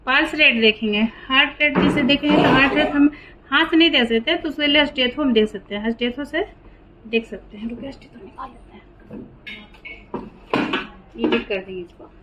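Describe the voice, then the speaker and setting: A nurse demonstrating a medical check, explaining each step plainly and patiently. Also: female voice, on the high side, a bit bright, echoey room, muffled recording, slight background noise.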